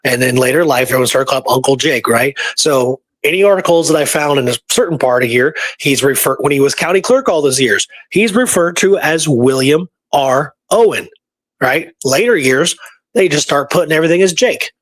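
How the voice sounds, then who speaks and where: Speaking fairly quickly in a voice on the high side, a history researcher co-hosts a relaxed research talk show. He chats like an animated storyteller, often ending points with "right?" to check in with the listener. There's no echo.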